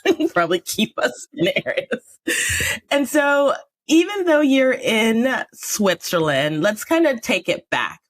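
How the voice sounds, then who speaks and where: A woman's voice: fairly high pitch, big pitch swings, slow pace. A woman hosting a podcast interview, chatty and laughing often as she talks. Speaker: podcast host.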